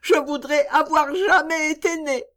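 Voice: high voice, measured pace, pushed and bright, voice pushed up. A reader voicing a grieving young girl servant who is crying and pleading in broken speech. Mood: sobbing.

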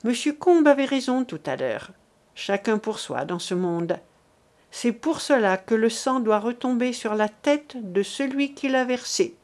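A woman reading aloud as a young man speaking calmly and solemnly, with resolve. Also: on the high side, a little slow. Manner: calm, solemn.

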